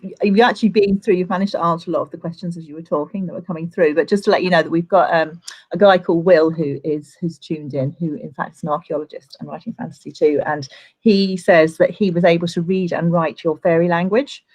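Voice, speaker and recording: A woman's voice: fairly low pitch, fairly even intonation, fast, a little mellow, poor audio. A woman hosting a live event, chatty and effusive as she casually relays questions from the audience.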